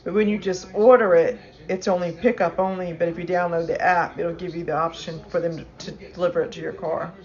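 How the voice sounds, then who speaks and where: A woman's voice: lowish voice, steady tone, brisk, hardly any pauses, a little mellow, dull audio. Chatty woman rambling on a phone stream. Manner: rambling, chatty, many restarts. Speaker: live streamer. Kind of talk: casual chat.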